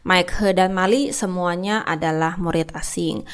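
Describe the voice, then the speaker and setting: A young woman teaching a casual Mandarin grammar lesson, explaining patiently and reading example sentences slowly. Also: fairly low pitch, clear, resonant tone.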